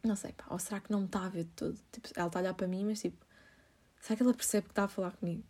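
A woman's voice: medium pitch, steady tone, racing, a little mellow, slightly rough. A young woman, telling a story to her viewers in a chatty way, full of fillers and laughter. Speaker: vlogger.

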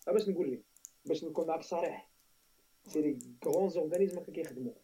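A tech talk panelist with a Moroccan accent speaks emphatically and at a racing pace in a fairly high voice, repeating phrases and slipping into French during a casual tech discussion. He's picked up by a distant mic over a noisy crowd.

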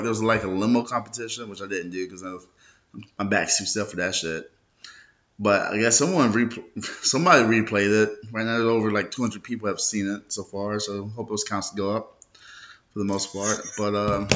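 A man's voice: lowish voice, fairly bright tone. A young man talking in a casual, rambling vlog style, hungover, sluggish and loose, with plenty of slang. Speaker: host of a local social media show. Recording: dull lo-fi sound.

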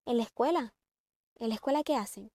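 A woman's voice: a little high, brisk, no echo, clean studio sound. A woman giving earnest parenting advice in a reflective talk. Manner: earnest, advising, shifts between calm and emphatic. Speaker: parenting speaker.

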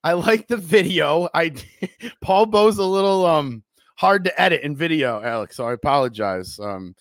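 A man's voice: on the high side, expressive, normal speed, fairly bright tone, no echo. A man co-hosting a wrestling podcast in casual chat, laughing often and acting out quotes in a raised voice. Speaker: podcast co-host.

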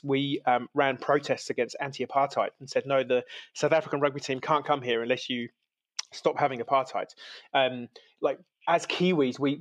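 A man originally from the UK, a podcast guest in casual conversation, talking with enthusiasm and laughing often. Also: medium pitch. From United Kingdom. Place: lives in New Zealand.

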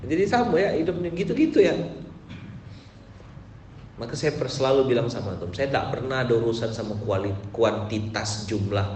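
A man preaching a sermon to a gathering, moving from soft, quick asides to loud, drawn-out chanting of verses. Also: medium pitch, animated, a little hiss or hum. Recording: echoey room with faint ambience.

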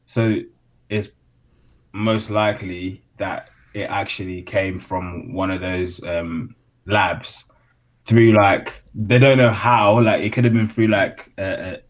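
Deep-voiced young roadman podcast host. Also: fairly even intonation, slow pace. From Zimbabwe. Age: 20s. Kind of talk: casual banter, street slang.

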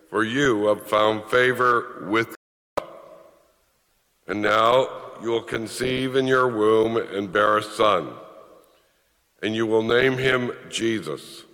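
Slow priest in a cathedral echo. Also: male voice, fairly low pitch, sharp tone. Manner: slow, measured delivery. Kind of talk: gospel reading and homily. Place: church. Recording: long echo of a large church.

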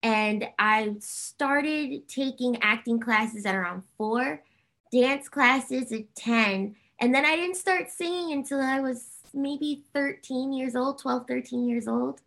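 A woman's voice: sits high, takes it slowly, creaky, fairly bright tone. A woman from the eastern US giving casual, effusive answers as an interview guest. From Harlem and New Jersey, US. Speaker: interview guest, singer and actor.

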